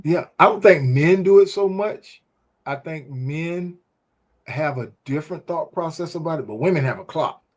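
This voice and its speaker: This male co-host of an informal faith talk show has a somewhat high voice and speaks at a normal speed. He sounds lively and emphatic, spinning stories with a preachy flair.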